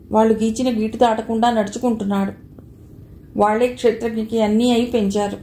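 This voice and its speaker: Woman narrator reading a novel, smooth and steady, fairly high mellow voice, roomy echo. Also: a little hiss or hum. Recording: echoey room.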